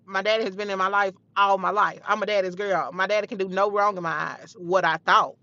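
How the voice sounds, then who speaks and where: Bright-voiced young woman telling a story bluntly. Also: medium pitch, steady tone, a little fast, no echo, lo-fi sound. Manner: blunt, profane, heated retelling. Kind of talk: casual storytime monologue.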